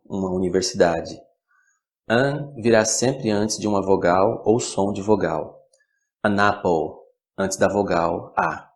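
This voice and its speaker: Man with a really low voice doing a language lesson, slow and super clear. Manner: slow, clear, measured delivery. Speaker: English teacher.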